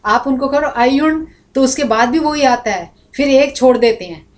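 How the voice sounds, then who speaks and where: A woman's voice: high-pitched, expressive, moderate pace, darkish tone. A woman teaching a Sanskrit class, explaining points at length and breaking into spoken examples and recited sound drills. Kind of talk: classroom lecture.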